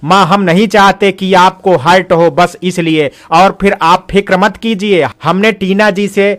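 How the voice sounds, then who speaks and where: A man voicing a young son who gently reassures his mother in an audio story. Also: high voice, steady tone, a little slow. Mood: reassuring.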